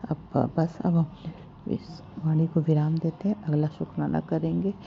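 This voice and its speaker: A middle-aged woman offers a soft, pleading devotional prayer, apologizing again and again. Her voice sits low and barely moves in pitch, almost a monotone. The recording is dull and lo-fi, like a simple phone clip made at home. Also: unhurried, vocal fry, a little hiss or hum. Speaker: devotee sharing a prayer of thanks.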